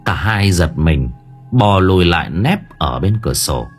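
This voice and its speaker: A man's voice: deep voice, expressive, measured pace. A man narrating a horror story in a dramatic storytelling manner. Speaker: audiobook narrator. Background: faint background music.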